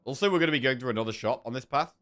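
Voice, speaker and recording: Talking rapid-fire in a mid-range, fairly bright, clean-toned voice, a man streams a game and thinks through his decisions out loud. He has a sore throat, and his commentary is casual.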